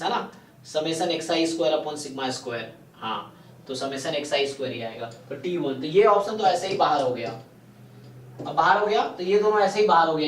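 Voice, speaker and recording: A man giving a live statistics lecture, stepping through each idea slowly and often stopping to ask his students questions. He mixes English terms into Hindi with an Indian accent. The sound is roomy and a bit distant from the mic. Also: fairly high pitch. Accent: Indian English terms mixed into Hindi. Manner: slow, deliberate explanation with frequent checking questions. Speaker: statistics teacher. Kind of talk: live online exam-prep lecture.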